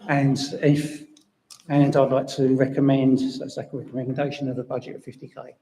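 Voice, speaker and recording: Gravelly-voiced male councillor in an echoey chamber. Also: mid-range voice, little pitch movement, fairly quick, warm tone. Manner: hesitant, apologetic restarts. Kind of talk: speaking at a council meeting.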